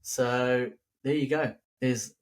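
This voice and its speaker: A man's voice: mid-range voice, fairly even intonation, slow. A man co-hosting a podcast, chatting casually about sport in a dismissive, sweary way. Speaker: podcast co-host.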